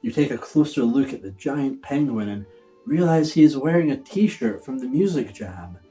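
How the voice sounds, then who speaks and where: A man's voice: medium pitch, animated, normal speed, dark tone, faint music behind. A man giving a hammy, theatrical stage-actor reading of a children's story, drawing words out for drama.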